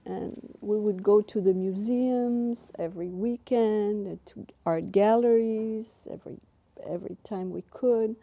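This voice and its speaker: Slow, halting woman with a very dark voice. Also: medium pitch. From Mexico, raised in Belgium. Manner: unhurried, halting with many fillers and restarts. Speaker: interviewee, painter. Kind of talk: interview recollection.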